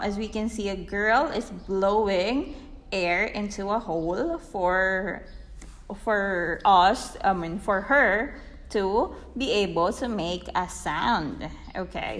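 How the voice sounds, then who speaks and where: Slow, patient woman teacher. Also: mid-range voice, in a large hall. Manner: patient, repetitive, with frequent "okay?" checks. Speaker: English teacher. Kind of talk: classroom lesson explanation.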